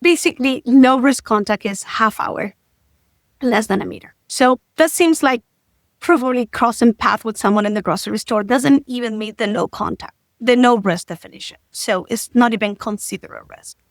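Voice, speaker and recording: A woman physician from Argentina, explaining carefully in an interview, in a measured way with many "like" and "right?" tags. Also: fairly high pitch, dry recording. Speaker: infectious disease physician guest. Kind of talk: expert interview answer.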